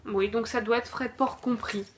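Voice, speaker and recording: A woman's voice: fairly high pitch, fairly even intonation, normal speed, noisy background. A woman reviewing a food subscription box in casual chat, hesitant, with lots of fillers and self-corrections. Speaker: unboxing vlogger.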